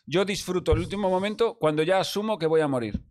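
A middle-aged man, co-hosting a comedy chat and telling animated stories full of swearing. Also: sits high, fast talker. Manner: animated storyteller, acts out voices, swears freely. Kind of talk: casual comic chat.

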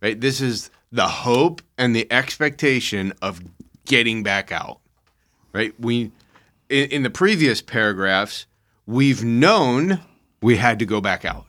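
A middle-aged man co-hosting a casual faith podcast discussion, playful and quick to laugh at himself. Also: mid-range voice, lively intonation, fairly bright tone. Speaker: podcast co-host.

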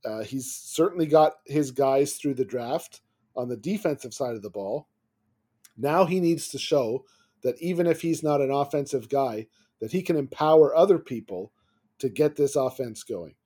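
A man co-hosting a sports podcast, talking in long runs with restarts and getting animated and laughing when riled. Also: mid-range voice, moderate pace, breathy edge. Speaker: podcast co-host. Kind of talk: casual sports podcast chat.

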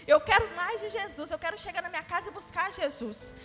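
A woman's voice: extremely high pitch, fairly quick, fairly bright tone. A young adult Brazilian woman pastor preaching a fervent sermon and acting out prayers in a church hall. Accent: Brazilian Portuguese. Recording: church hall reverb with background music.

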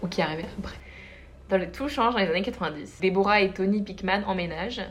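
A young woman telling a ghost story to friends in a casual, lively way, with dramatic pauses. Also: mid-range voice, music in the background.

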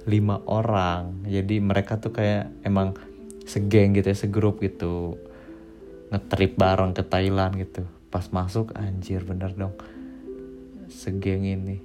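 A young man telling a travel story casually, rambling with many fillers and pauses. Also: sits low, little pitch movement, over music. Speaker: travel vlogger.

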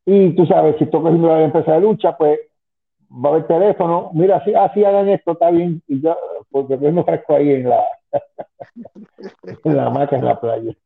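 Over a tinny phone line, a former wrestling manager in his fifties chats as a casual interview guest, wandering off into asides and restarting often. His voice sits on the high side with some vocal fry, at normal speed. Spanish-speaking by origin, he moved to the US at age ten.

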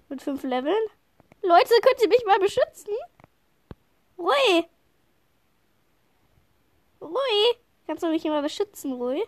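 Bubbly gamer girl, high voice, slightly sniffly from a cold, giggly chat. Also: dry recording. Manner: chatty, excitable, giggly. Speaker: gamer playing with friends. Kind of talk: casual gameplay chat.

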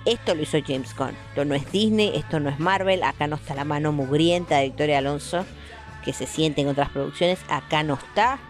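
Rioplatense woman film reviewer, low-pitched, fiery and blunt, hammers points by repeating them; faint music under her. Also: a little fast. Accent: Rioplatense Spanish. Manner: emphatic, repeats phrases for effect; passionate, blunt, swears freely.

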